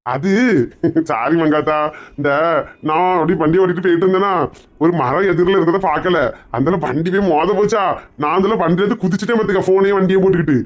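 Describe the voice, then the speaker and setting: A man's voice: high voice, fast, lo-fi sound. A man with a playing a sheepish husband in a comedy skit, rattling off excuses.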